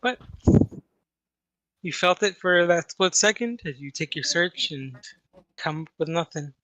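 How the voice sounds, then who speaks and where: A man's voice: a little high, animated, measured pace, pushed and bright, no room sound, rough recording. A man running a tabletop game as game master, narrating scenes in an improvised way.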